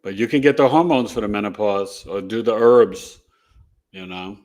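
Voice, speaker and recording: A man hosting an astrology livestream, chatting casually and telling animated stories with frequent laughter. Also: on the low side, moderate pace. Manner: animated storyteller, laughs often.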